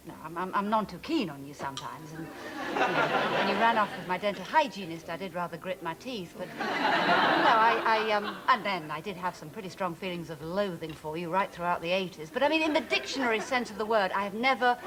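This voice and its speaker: A woman's voice: mid-range voice, expressive, fairly quick, over a noisy crowd, heavy background noise, close to an everyday voice. An actress playing a middle-aged woman TV talk show host with dry, cutting wit.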